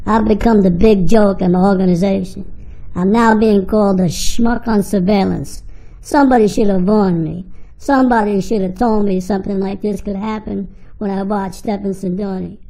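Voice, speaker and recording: A man's voice: sits high, fairly even intonation, moderate pace, gravelly, mellow, rough recording. A man voicing a boastful male surveillance hitman who brags and then pities himself. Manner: bragging monologue turning to self-pity.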